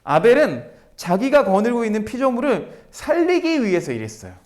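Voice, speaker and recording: A man teaching a Bible passage to viewers, animated and firing rhetorical questions at them. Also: very high-pitched, normal speed. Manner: addresses listeners directly as everyone. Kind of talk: Bible teaching to a video audience.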